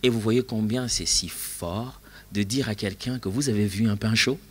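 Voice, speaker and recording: A man preaching a sermon at a church retreat, telling a personal story and shifting between hushed and loud passages. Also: fairly low pitch, moderate pace, breathy edge.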